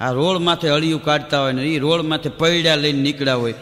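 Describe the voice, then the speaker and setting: A man tells folk jokes. His high, bright voice jumps between the characters in quick quoted exchanges. The sound has a long hall reverb. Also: fairly even intonation. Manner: acts out dialogue in quick back-and-forth quotes. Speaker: comedian telling village jokes. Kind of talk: Gujarati folk humor storytelling (lok dayro). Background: audience laughter.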